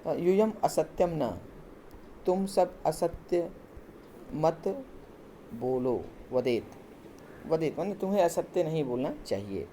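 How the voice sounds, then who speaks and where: A male teacher explaining textbook exercises in a recorded class, patient and step by step, with hesitant pauses. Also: a little high, sing-song, mellow, slight background noise.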